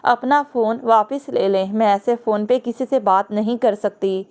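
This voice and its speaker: Defiant, frightened young woman in a storybook reading; a woman narrator reads her in a clear voice. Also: fairly high pitch, darkish tone, close to an everyday voice. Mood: anxious.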